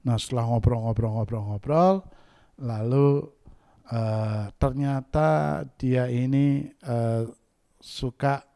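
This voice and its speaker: A man's voice: slow pace, no room sound, clean studio sound. A man preaching a sermon as pastor, telling a story animatedly and acting out the voices in it. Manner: animated storytelling, acts out quoted voices with big pitch jumps. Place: church.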